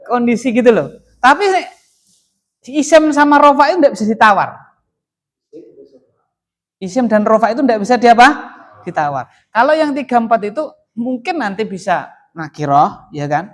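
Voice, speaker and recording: A high-voiced man teaches a grammar class. He keeps firing questions at his students and waits for them to answer together. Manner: lively questioning, quizzes the class call-and-response.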